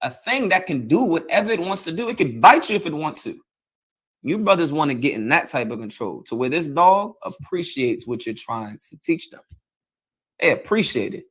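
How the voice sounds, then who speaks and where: A man preaching a colloquial sermon, repeating himself and asking "you understand?" again and again, sometimes rising to loud emphatic bursts. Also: fairly high pitch, big pitch swings, moderate pace, husky. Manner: repetitive, asks "you understand?" often. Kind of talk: street sermon.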